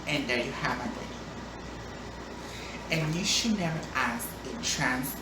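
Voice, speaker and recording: A woman's voice: a bass voice, a little slow. A woman vlogging, answering viewer questions in a chatty, playful way with frequent ums and restarts. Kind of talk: casual Q&A vlog. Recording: echoey room, distant mic, background noise.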